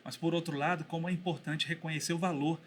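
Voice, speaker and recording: A man speaking as a podcast guest and teacher, telling a story in a thoughtful way with pauses and restarts. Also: fairly high pitch, steady tone, fairly bright tone. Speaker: guest, Bible school teacher. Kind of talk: casual podcast conversation.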